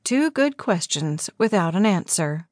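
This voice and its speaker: A woman's voice: fairly low pitch, big pitch swings, unhurried, a little mellow, dry recording. Woman narrating a romance audiobook. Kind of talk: scripted narration. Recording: dry close studio sound.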